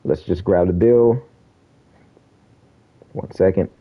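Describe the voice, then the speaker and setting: Speaking slowly, a man streams a game and chats casually, calling out enemies and using plenty of slang and "bro." The poor stream mic cuts off the highs, giving low-quality audio.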